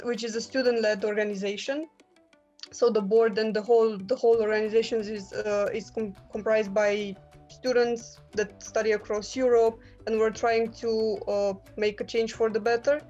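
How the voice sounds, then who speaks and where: Earnest young Romanian woman, higher voice. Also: darkish tone, muffled recording. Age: 20s. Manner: earnest, many fillers and restarts. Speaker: master's student. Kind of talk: casual personal testimony.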